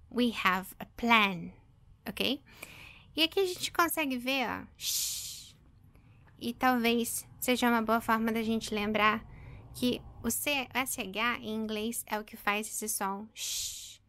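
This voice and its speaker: A woman in her thirties with a slightly high, sharp voice teaches an English pronunciation lesson. She models English words slowly and carefully, repeating them and often checking in with "ok?". The recording is dry.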